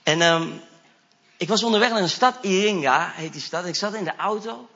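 A man with a high, bright voice preaches with eager, animated energy, slipping English phrases into his storytelling. The recording sounds dull and lo-fi. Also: fairly quick. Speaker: evangelist preacher. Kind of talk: sermon testimony storytelling.

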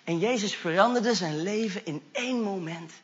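A man preaching, telling a story from his travels with eager, animated energy and English phrases mixed in. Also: sits high, normal speed, lo-fi sound, slight background noise. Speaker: evangelist preacher. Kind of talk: sermon testimony storytelling.

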